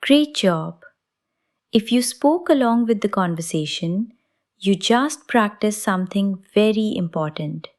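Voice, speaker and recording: Woman English teacher, scripted lesson narration, slow and encouraging. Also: mid-range voice, expressive, a little mellow. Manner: encouraging, step-by-step.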